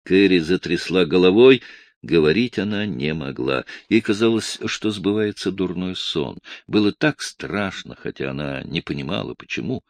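A man with a very deep voice narrates an audiobook, his intonation rising and falling widely. The recording is close and dry, with no room sound. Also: expressive, moderate pace, dry recording.

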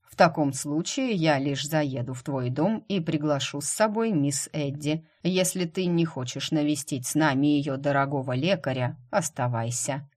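Lady reader playing a smug count, slow and dry, low voice, never in a rush. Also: a little mellow. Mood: teasing. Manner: unhurried, dryly teasing. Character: calm, mocking aristocratic count, adult man.

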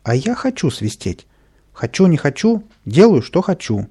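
A man voicing a capricious, whining little boy in a storybook reading, with a gravelly, husky voice. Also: fairly low pitch, lively intonation, normal speed, a little mellow, heavily acted. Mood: whiny. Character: whiny, stubborn, mischievous little boy.

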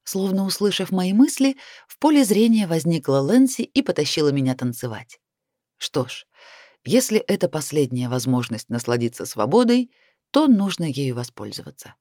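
A man steadily narrating a first-person fantasy audiobook in an even storytelling manner. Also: on the high side, normal speed, no room sound, clean studio sound.

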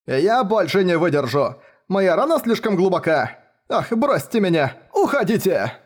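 A man's voice: on the high side, big pitch swings, a little fast, breathy edge, pitched above the performer's own voice. A man doing a melodramatic wounded young detective. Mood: whining. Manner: overwrought, pleading.

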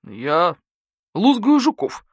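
A woman voicing a rude, streetwise male wolf under suspicion, who snaps back in gruff slang. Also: lowish voice, very animated, slow pace, dry recording, studio quality, full character voice. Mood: surly. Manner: gruff, snapping slangy talk.

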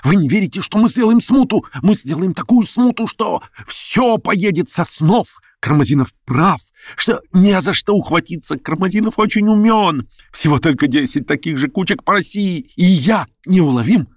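A man's voice: lively intonation, dry recording, clean studio sound. Man doing a frantic, feverish young conspirator. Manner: breathless, high, rushed pleading. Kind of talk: audiobook character reading.

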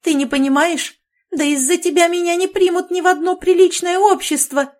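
A woman's voice: high voice, moderate pace, pitched above the performer's own voice. A woman voicing a haughty, domineering aristocratic mother who shrieks and wails in an audiobook. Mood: hysterical.

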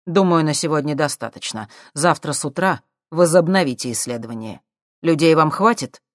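A wary official gives orders in a brisk, guarded way, as a male audiobook narrator voices him. The voice is close to the narrator's own and sits in a dry, close recording. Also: on the high side, animated, no echo, lightly acted.

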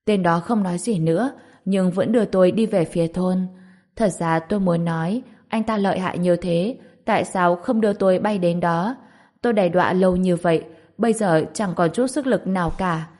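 A woman reading a first-person story as an audiobook in a steady, plain storytelling manner. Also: fairly low pitch, moderate pace. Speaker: narrator.

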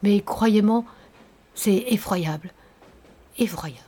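A bitter middle-aged nobleman, read by a woman narrator, confesses in a storybook audiobook. His voice is mellow and dark-toned, brooding and intense, and he presses his words with a tormented edge. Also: medium pitch, slow, husky. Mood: agitated. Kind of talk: audiobook reading of a novel.

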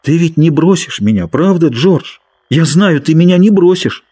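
A man's voice: fairly high pitch, animated, moderate pace, warm tone, breathy edge, pitched above the performer's own voice. A man voicing a big, simple-minded grown man who pleads and insists like a child, in an audiobook reading. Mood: pleading. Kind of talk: audiobook character voice.

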